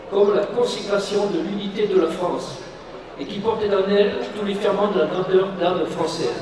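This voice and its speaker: A man reading out a formal, grandiloquent commemorative speech as a public official at a ceremony. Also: high voice. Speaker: public official giving an address. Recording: very echoey, distant mic, crowd.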